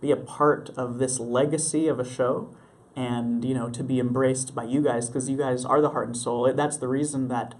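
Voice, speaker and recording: A man's voice: mid-range voice, fairly even intonation, moderate pace, hardly any pauses, darkish tone. A young man from Mexico, a stage actor, answering interview questions in an eager, earnest way and laughing easily. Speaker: Broadway actor, interview guest. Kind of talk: casual interview chat.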